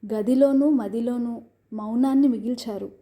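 A woman's voice: a little high, normal speed, warm tone, close to an everyday voice. A woman voicing a proud, defiant young bride in a storybook reading, firm and indignant.

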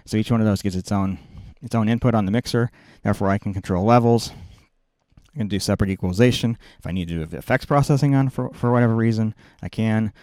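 A middle-aged man, a video production engineer, gives a quick-paced informal tutorial in a small indoor control room, walking through each step and often correcting himself. His voice sits on the low side with a darkish tone. He's recorded dry on a close boom-mounted microphone.

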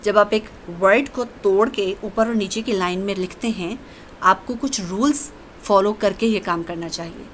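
A woman teacher, giving a deliberate grammar lesson that moves between English and Urdu. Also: medium pitch, slight background noise, low-quality recording.

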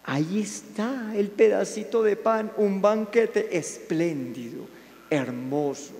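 Man, friar's sermon, high voice, warm and playful, soft intimate asides, long hall reverb. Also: takes it slowly. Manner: warm, playful preaching with sudden drops to soft intimate tones. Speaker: Franciscan friar preacher. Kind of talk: sermon-style talk to a live audience.

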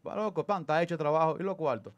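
A man's voice: a little high, racing. A man, co-hosting a casual panel chat and telling joking stories with animation. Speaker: co-host.

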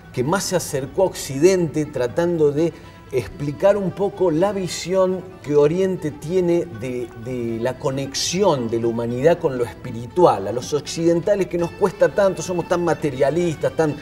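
A man co-hosts a studio interview. His voice sits high but sounds mellow and dark. He explains things in a reflective way, with faint music behind. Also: measured pace. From Argentina. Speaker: co-host. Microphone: lapel mic.

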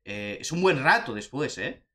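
A young man with a Spanish accent from Spain, chatting excitedly as he reacts to a video game trailer. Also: mid-range voice, moderate pace, a little hiss or hum. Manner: excitable, chatty, says "tío" often. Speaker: gaming youtuber reacting to a trailer.

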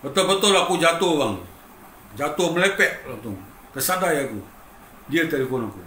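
A middle-aged Malaysian man with a Malaysian accent speaks in a fairly high, bright and tense voice. He talks emphatically and repeats himself for weight. The recording has a roomy echo with faint ambience behind it. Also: animated, normal speed, slight background noise. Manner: emphatic, repetitive, keeps addressing the listener as "bang". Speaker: guitarist telling his story. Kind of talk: emotional personal storytelling.

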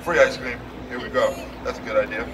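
A man's voice: medium pitch, fairly even intonation, fairly quick. A man hosting an outdoor ceremony as MC, addressing a crowd from a podium with informal, joking asides. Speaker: master of ceremonies. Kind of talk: public ceremony speech with casual asides. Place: outdoor stage, recorded from back in the audience. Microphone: podium microphone, picked up by a distant camera. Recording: distant, very noisy outdoor audience recording.

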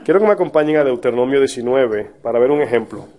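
A man's voice: medium pitch, animated, fast, warm tone. Conversational man teaching a Bible study. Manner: conversational, asks the audience questions. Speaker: pastor.

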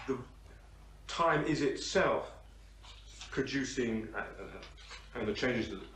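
A man's voice: medium pitch, a bit bright. Hesitant questioning man, roomy and distant. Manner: searching, hesitant, builds his argument at length. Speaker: audience member asking a question. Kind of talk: discussion question. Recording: roomy sound from far off the mic, faint hiss.

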